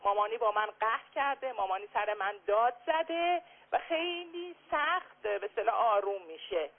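An older woman from Shiraz phones in to a radio program. She speaks politely and haltingly, filling pauses with soft hesitations, and her voice comes through a thin, tinny phone line. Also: fairly high pitch, very animated. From Iran (Shiraz). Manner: polite, hesitant, many fillers. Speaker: caller. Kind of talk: call-in question on radio.

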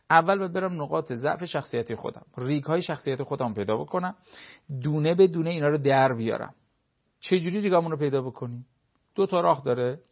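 A man's voice: a little high, gravelly, lo-fi sound. A man giving advice on a talk show, explaining his points with everyday examples and short acted-out dialogues.

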